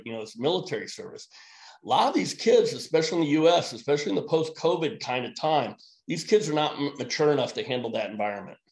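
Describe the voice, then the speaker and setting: Blunt, emphatic man in a roomy space. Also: mid-range voice. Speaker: emergency physician guest. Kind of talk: podcast conversation.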